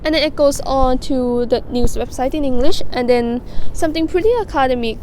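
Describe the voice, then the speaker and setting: A woman's voice: sits high, fairly quick, a little mellow, a little hiss or hum, low-quality recording. A young woman from Thailand with a Thai accent, a student vlogger reading her essays aloud and explaining them casually, with many "like" fillers. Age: young adult.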